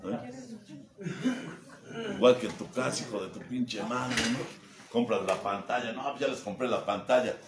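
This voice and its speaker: A man's voice: mid-range voice, moderate pace, pauses often. Foul-mouthed Mexico City man, roomy hall. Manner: foul-mouthed, mocking, acts out quoted voices. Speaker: sponsor speaking at a recovery group meeting. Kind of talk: crude, joking testimony to a group. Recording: echoey room with background noise.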